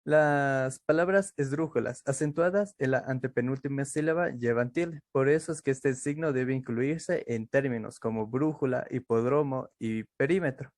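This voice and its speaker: A man's voice: mid-range voice, moderate pace, few pauses, a little mellow, no room sound, studio quality. A man giving a class presentation, reading steadily with occasional fillers. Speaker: student presenter.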